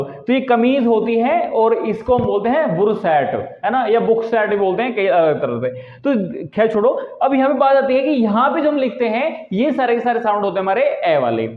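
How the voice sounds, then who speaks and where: A man teaching a lesson to camera in a patient manner, often tagging his sentences with a checking "right?". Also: very high voice. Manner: patient, repeats "ठीक है ना" as a filler tag. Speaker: English teacher. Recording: echoey room, tinny phone-like sound.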